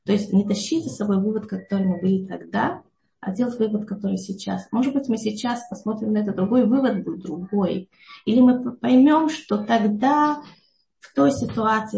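A woman's voice: medium pitch, creaky, dark tone, echoey room. A woman explaining a psychology idea to an audience, often checking in with a questioning "yes?". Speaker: psychology speaker.

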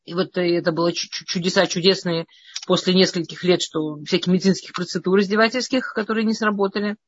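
A woman's voice: on the low side, fairly even intonation, fast, breathy edge, dry recording, muffled recording. A middle-aged woman from Russia casually telling her life story in a meandering way, often restarting and stammering over words.

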